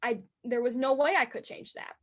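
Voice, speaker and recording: She's eighteen, high-voiced and keen, and she talks about racing announcing in an interview with real earnestness, her enthusiasm tumbling out in fast little bursts.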